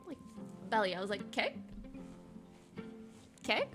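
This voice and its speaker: A woman streamer telling a story in casual chat to her viewers, animated and slangy, laughing often and swearing now and then. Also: mid-range voice, normal speed, over music.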